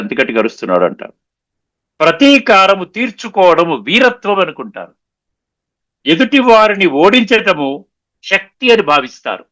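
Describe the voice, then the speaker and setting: Bright, lively-voiced man giving a spiritual discourse. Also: a little high. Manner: explanatory, often checks "understood?" with listeners; mixes English words into his talk. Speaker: spiritual lecturer.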